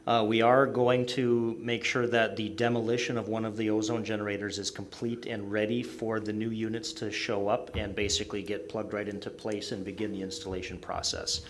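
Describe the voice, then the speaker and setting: Low-pitched man giving technical report. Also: fairly bright tone, slight background noise. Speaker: project staff presenter. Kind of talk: explanatory report at public meeting. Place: public commission meeting room.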